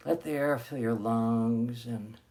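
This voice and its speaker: Here a male hypnotherapist walks listeners through a meditation in a steady, mid-range voice. Long pauses fall between his gentle, soothing directions.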